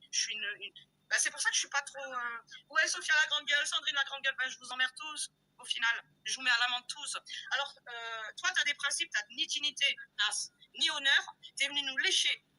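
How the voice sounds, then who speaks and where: A woman hosting a live stream, ranting loudly and confrontationally, hurling insults and repeating herself for emphasis. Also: high-pitched, fairly quick, poor audio. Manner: loud-mouthed, insulting, confrontational; repetitive, emphatic, addresses viewers directly. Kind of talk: heated live-stream rant.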